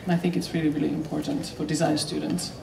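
A woman researcher speaks in a measured, even tone with very little change in pitch. Her voice echoes through a large hall. It is picked up from a distance against background noise. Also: vocal fry. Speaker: design researcher and teacher. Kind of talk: panel talk on stage. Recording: roomy hall, mic at a distance, noisy.

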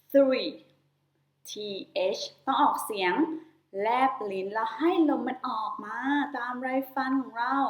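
A woman with a Thai accent teaching English phonics to young children, slow and encouraging, repeating each word. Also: fairly high pitch, fairly bright tone, reverberant.

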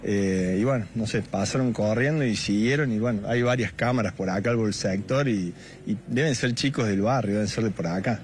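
A man in his thirties with an Argentine Spanish accent tells a reporter what he saw as a neighbor and witness, answering casually while stumbling and repeating words. His voice is on the low side and a little fast. He's outdoors on a street, recorded on the reporter's handheld mic with a little hiss or hum.

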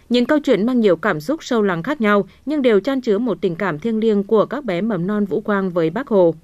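A woman reads a scripted news report in a formal, measured way as a local television narrator. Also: mid-range voice, no echo, highs cut off.

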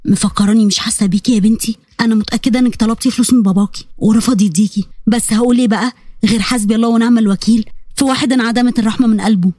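A woman's voice: on the high side, steady tone, rapid-fire, mellow, dry recording, clean studio sound, close to an everyday voice. A woman voicing a caring middle-aged mother with an Egyptian accent, tender and sorrowful.

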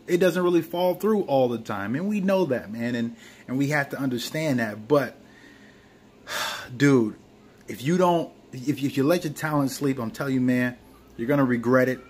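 Medium in pitch, a young man around thirty vlogs casually from a small room at home with a motivational message. He talks earnestly and animatedly into a webcam or phone close to his face. He addresses viewers as "man" a lot and often says "you know what I'm saying."

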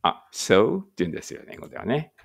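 A man's voice: lowish voice, wildly swooping pitch, fast talker, creaky. A man giving a casual English lesson, chatty and thinking aloud with small chuckles. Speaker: English teacher.

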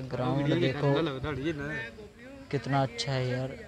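A Punjabi man in his twenties vlogs outdoors across an open school ground and park, chatting casually and chummily to viewers via a handheld camera at arm's length. His medium-pitched voice is monotone and slow, with crowd noise around him.

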